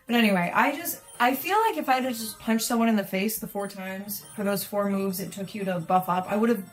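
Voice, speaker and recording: A woman's voice: mid-range voice, fairly quick. A woman casually chatting and teasing while watching a video game being played. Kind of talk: casual gameplay chat. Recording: faint game music behind.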